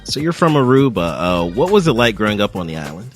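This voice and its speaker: A man's voice: fairly low pitch, very animated, fast, faint music behind. A man hosting a podcast in a casual, conversational style, introducing and interviewing. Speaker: podcast host.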